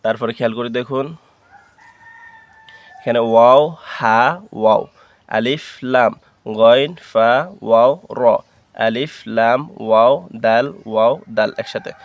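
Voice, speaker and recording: A man teaching Quran reading, spelling out each letter and vowel mark, then slowly blending the syllables into words. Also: mid-range voice, little pitch movement, clear, resonant tone, dry recording, dull audio.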